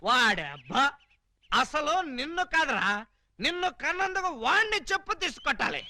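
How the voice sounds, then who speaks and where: A man's voice: extremely high pitch, very animated, normal speed, sharp tone, no echo, heavily acted. An actor in a Telugu comedy film playing a drunk man who brashly mocks and insults his boss. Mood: mocking. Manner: brash, mocking, sarcastic.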